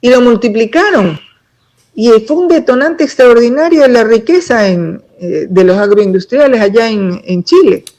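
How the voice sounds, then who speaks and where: A woman's voice: a little high, animated, normal speed, darkish tone, rough recording. An emphatic woman speaks as a political pre-candidate in a casual interview. She talks at length, building each explanation point by point with conviction.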